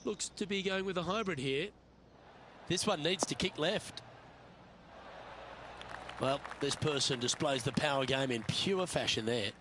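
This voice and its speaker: Playing a TV golf commentator in a video game, a man with a fairly high voice delivers short, measured play-by-play in a composed, admiring, lightly acted tone. Outdoor background noise is clearly audible.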